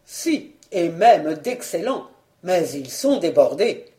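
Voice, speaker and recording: A woman reading a storybook voices a timid, evasive baron, lowering her voice and speaking hesitantly. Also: sing-song, slow, warm tone, echoey room. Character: timid, evasive middle-aged baron collector.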